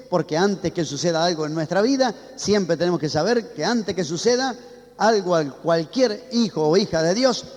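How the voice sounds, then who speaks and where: A man's voice: sits high, big-room sound. A man preaching a sermon as pastor, firing questions at the congregation and answering them himself. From Argentina. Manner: preaching with call-and-response questions.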